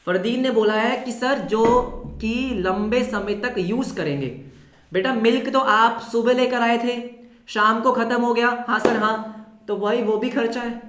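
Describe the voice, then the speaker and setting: Brief: energetic male accounting teacher, quizzes the class, answers in the students' voice, echoey room. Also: very high voice, unhurried. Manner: mixes English terms into Hindi. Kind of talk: live online class lecture. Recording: roomy echo.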